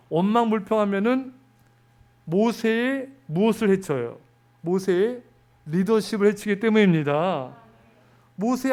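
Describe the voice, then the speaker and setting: Male pastor preaching in church, kinda high voice, keeps asking the crowd stuff. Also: darkish tone. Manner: interactive, questioning the congregation. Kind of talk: sermon. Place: church sanctuary.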